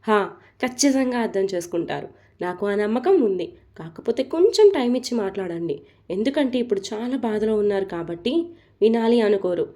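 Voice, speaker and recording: A woman's voice: mid-range voice, animated, fairly quick, dark tone, natural voice. A woman voicing a caring, frank young female office assistant who chats reassuringly in an audio story. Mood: soothing. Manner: reassuring, chatty.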